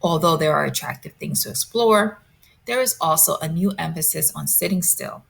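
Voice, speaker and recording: Gravelly low-voiced woman lecturing. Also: normal speed, fairly bright tone. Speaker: presenter. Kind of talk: reading a scripted lecture.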